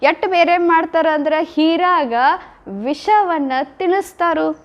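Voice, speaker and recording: A woman's voice: extremely high pitch, unhurried. A woman giving a devotional talk, retelling love stories with emotive, acted-out lines. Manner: emotive, acts out quoted lines. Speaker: spiritual speaker. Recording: dull lo-fi recording.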